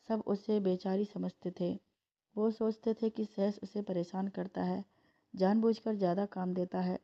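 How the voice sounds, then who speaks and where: Flat-voiced woman storyteller. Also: mid-range voice. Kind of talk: reading a family story aloud. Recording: dull lo-fi recording.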